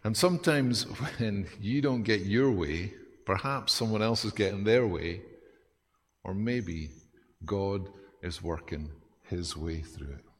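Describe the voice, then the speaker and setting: A man preaching a sermon as pastor, lively and self-deprecating, with dramatic pauses. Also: lowish voice, big-room sound.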